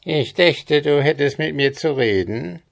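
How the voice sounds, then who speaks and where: A man's voice: fairly high pitch, expressive, unhurried, creaky, pitched above the performer's own voice. A man voicing a small, spiteful male goblin with a quacking, squawky voice and a mocking, sing-song way of talking in an audiobook. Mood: sly. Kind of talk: audiobook character voice.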